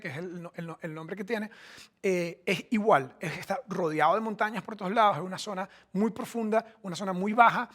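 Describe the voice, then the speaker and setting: A man's voice: sits high, fairly bright tone. A man preaching a sermon in a conversational, emphatic way, often restarting his phrases. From Costa Rica. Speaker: pastor.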